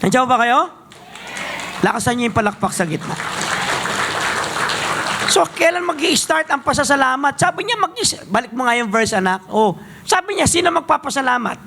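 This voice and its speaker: A man preaching a sermon as pastor, with slow emphatic phrases, quick asides, scripture read aloud and call-and-response with the congregation. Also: very high voice, very animated, a crowd in the background, noisy background.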